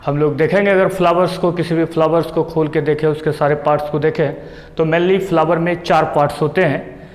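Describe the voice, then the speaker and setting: A man's voice: a little high, steady tone. A man teaching a biology lesson, explaining a diagram step by step and repeating each term. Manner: explains slowly, repeats terms, mixes English terms into Hindi. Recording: long hall reverb.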